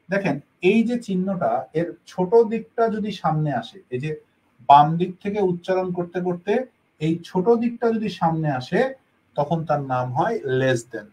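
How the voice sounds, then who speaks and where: A man's voice: high voice, a little mellow, poor audio. A man teaching a math lesson, explaining step by step and answering his own questions.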